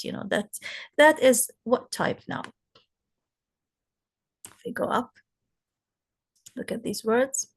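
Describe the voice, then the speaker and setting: Slow-paced teacher, woman. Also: on the high side. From Palestine. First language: Arabic. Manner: slow, explaining, asks rhetorical questions. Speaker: English teacher. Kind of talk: recorded classroom lesson.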